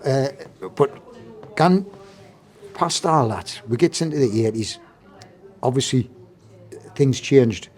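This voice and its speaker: A man's voice: medium pitch, expressive, slow pace, pauses often, a little mellow. A man from North East England with a Geordie accent, interviewing casually with rambling, roundabout questions.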